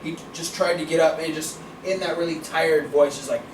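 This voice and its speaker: A man's voice: fairly high pitch, fairly even intonation, a little fast. A man hosting a casual wrestling review podcast, laid-back, laughing often and swearing casually. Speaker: podcast host. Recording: roomy, distant mic, noisy background.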